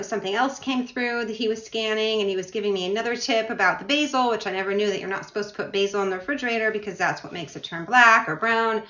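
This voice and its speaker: A woman's voice: mid-range voice, pushed and bright. A woman in her forties telling stories in a casual chat, full of fillers and asides. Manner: storytelling, chatty with many fillers. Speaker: podcast co-host. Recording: roomy, slightly dull sound.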